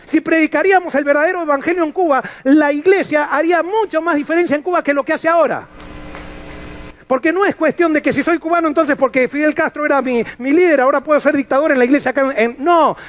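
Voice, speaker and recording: A man's voice: extremely high pitch, slight background noise. A male pastor preaching a sermon in an earnest, emphatic way, asking the congregation rhetorical questions. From Latin America.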